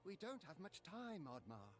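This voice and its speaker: A man's voice: fairly high pitch, wildly swooping pitch, a little slow, music in the background, pitched above the performer's own voice. A man voicing an urgent, insistent female forest fairy in a game story, speaking pointedly. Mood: hurried.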